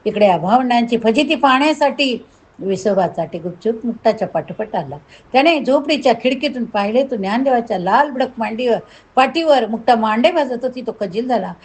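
A woman's voice: medium pitch, darkish tone, husky. Emotive woman reading a devotional tale. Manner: emotive, moralizing asides to listeners. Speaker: devotional storyteller. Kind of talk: reading a saint's life story aloud.

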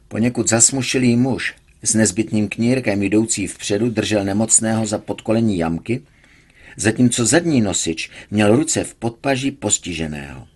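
A man reading a serialized novel aloud in a measured storytelling manner. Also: lowish voice, a little mellow, slightly rough. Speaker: audiobook reader.

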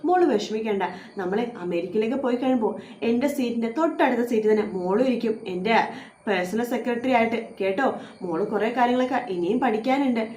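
A woman voicing a scheming, smooth-talking married man who soothes his wife. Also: fairly high pitch, fast talker, a little mellow, lightly acted. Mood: coaxing. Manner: soothing, coaxing. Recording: echoey room with faint noise.

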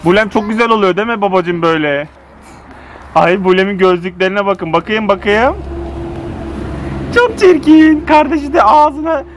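A man filming a playful family vlog, teasing the kids and chatting to viewers in an animated way. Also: high voice, normal speed, long pauses, slight background noise. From Turkey. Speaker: family vlogger.

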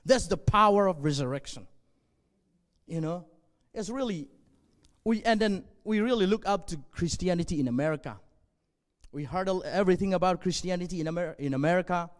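Male pastor in his 40s, native Zomi speaker, earnest measured sermon, slightly high voice, long hall reverb. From northwest Burma. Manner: earnest, measured, with frequent pauses and fillers. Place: church stage, indoors. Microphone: handheld.

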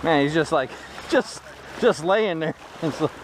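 A middle-aged man filming himself while fishing on a river shoreline, talking casually and bluntly, swearing freely, then calmly explaining to his viewers. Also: a little high, a little slow. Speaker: angler and channel host. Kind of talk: casual outdoor vlog talk. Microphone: action camera worn on the body, then camera facing him. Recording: outdoor wind and water noise.

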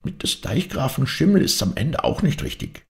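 A breathless young farm maid spilling rumors in a storybook reading, as a man puts her on. Her voice rides well above the reader's own, swinging widely with eager, fearful gossip, and keeps a gravelly grain. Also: medium pitch, huge pitch swings, normal speed, darkish tone, pitched above the performer's own voice.

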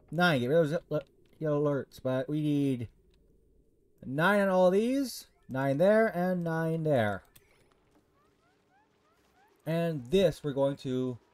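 A male gaming streamer with a fairly high-pitched voice offers casual gameplay commentary. Frantic and exasperated, he talks to himself, scolds his in-game characters, and swears now and then.

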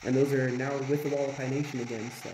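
A man's voice: medium pitch, flat delivery, quick pace. A man explaining things informally and matter-of-factly, like a tour guide. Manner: matter-of-fact. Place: inside a large underground cave. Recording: noisy cave location recording.

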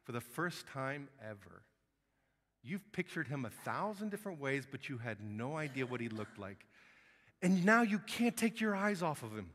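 A man preaching a sermon as a guest speaker, telling a vivid story that moves between hushed and loud. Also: medium pitch, very animated, moderate pace, slight background noise. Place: church sanctuary. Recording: long hall reverb.

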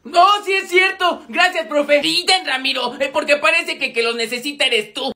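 A young man with a Mexican accent performs comedy skits in an unnaturally high voice. His tone is bright and forceful. The delivery is exaggerated and animated, switching between characters. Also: normal speed. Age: young adult. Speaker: comedy skit creator playing all characters. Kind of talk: acted school comedy skit storytime.

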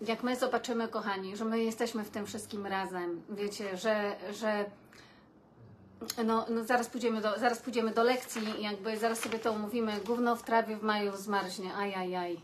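A woman's voice: medium pitch, steady tone, normal speed. A woman hosts a casual live stream and talks straight to her viewers. She reads their comments aloud and reacts to them in a chatty way. A faint background noise sits under her voice. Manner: chatty, addresses viewers warmly as "kochani", reacts with laughter and sighs.

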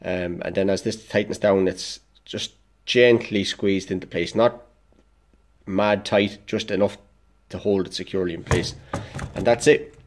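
Low-pitched and a little slow, his fairly even voice belongs to a DIY vlogger who is congested and dosed up with illness. He's in an indoor workshop at his workbench, explaining a DIY fix casually and bluntly, cursing now and then.

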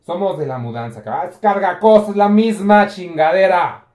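A sly, greedy removal man, as a man puts him on drawls his demands in Mexican slang. The voice sits mid-high in a roomy home recording. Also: moderate pace, darkish tone, lightly acted. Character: greedy male removal man, blackmailing, crude.

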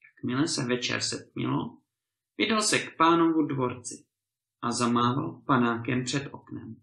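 A man reads a fairy tale aloud with lively, expressive storytelling. His voice is bright and gravelly. The recording has a clear room echo. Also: mid-range voice. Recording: echoey room.

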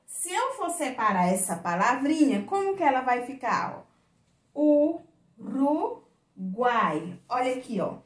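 A woman teacher with a Brazilian Portuguese accent gives a video lesson to children, stretching her words in a slow, sing-song way. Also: high voice, big pitch swings. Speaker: primary school teacher. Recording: echoey room.

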